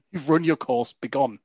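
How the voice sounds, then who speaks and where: A man's voice: medium pitch, breathy edge, no room sound. A man hosting a podcast in casual, jokey chat, full of asides and fillers. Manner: chatty, jokey, frequent "you know" fillers. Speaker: podcast host. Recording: dull lo-fi dry recording.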